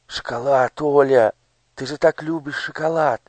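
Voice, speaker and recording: A man's voice: mid-range voice, fairly even intonation, measured pace, no room sound, pitched above the performer's own voice, lightly acted. A man voicing a timid, hungry little girl who pleads and chatters eagerly. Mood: pleading.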